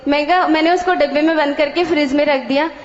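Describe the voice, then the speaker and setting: A woman telling a personal testimony to a spiritual leader, animated, acting out many quoted exchanges. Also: high voice, quick pace. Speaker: devotee sharing a testimony. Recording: dull, echoey hall sound.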